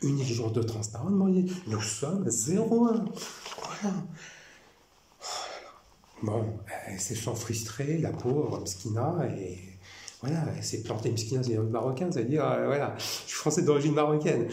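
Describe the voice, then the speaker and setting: A man from France talking to camera in a rambling, repetitive and animated way. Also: medium pitch, unhurried. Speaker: vlogger. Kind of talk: casual monologue. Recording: echoey room with faint noise.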